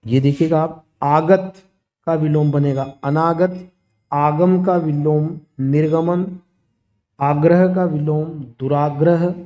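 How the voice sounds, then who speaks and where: A man's voice: fairly high pitch, lo-fi sound. A man teaching a grammar lesson, steadily listing words and their opposites. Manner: steady, listing word pairs one after another.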